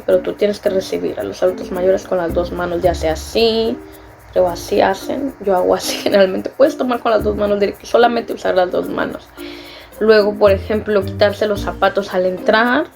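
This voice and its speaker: A woman's voice: medium pitch, vocal fry. A young Mexican woman chatting casually in a vlog, filling her talk with "este" and laughing at herself. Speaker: vlogger. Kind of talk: casual vlog explaining customs.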